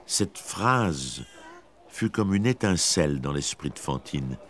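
A man giving measured, expressive scripted narration of a classic story. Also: rumbling low, a little hiss or hum.

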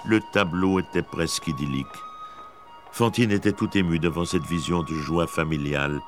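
Male narrator, very deep voice, measured storytelling, soft music behind.

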